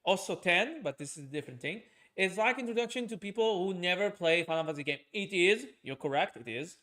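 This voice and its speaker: A man's voice: high voice, lively intonation, fast, sharp tone. Rambling man with a raised voice. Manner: rambling, many fillers and restarts. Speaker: streamer and podcast host. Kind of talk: casual chat.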